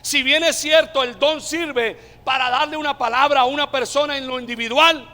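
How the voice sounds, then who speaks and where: A Colombian man preaching a sermon, calling out to the congregation and rising to shouted climaxes. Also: very high voice, fairly even intonation, moderate pace, big-room sound. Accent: Colombian Spanish. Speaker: pastor.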